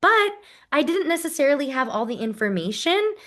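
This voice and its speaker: A woman with a high, bright, very animated voice speaks a little fast as she plays a friendly, grateful university program associate. Her conversational, dramatized first-person interview narrative is delivered on stage, earnest and passionate, with enthusiastic chatter.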